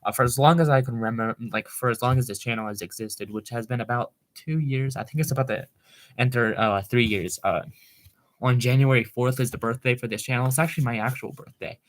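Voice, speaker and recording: A young man from Maryland streaming live from a room at home, talking fast and rambling excitably in casual chat into a computer microphone. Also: mid-range voice, no echo.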